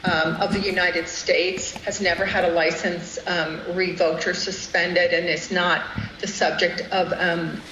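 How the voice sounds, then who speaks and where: A woman advises a board formally, reciting legal requirements with occasional ums. Her delivery is flat and her voice a little low. She sounds roomy and echoey, with faint noise behind. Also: measured pace, few pauses. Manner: formal, reads statute, some ums.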